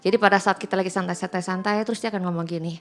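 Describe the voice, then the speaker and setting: A woman's voice: lowish voice, fairly even intonation, rapid-fire, a little hiss or hum. A middle-aged woman, a pastor's wife, chatting as a guest and telling her testimony with lots of quoted dialogue. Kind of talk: casual testimony chat.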